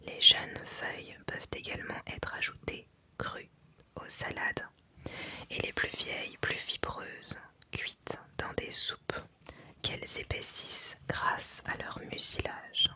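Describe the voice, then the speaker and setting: This is an ASMR reading in a pure, breathy whisper. The sound is sharp and very bright. The reader moves very slowly and carefully, leaving deliberate pauses between phrases.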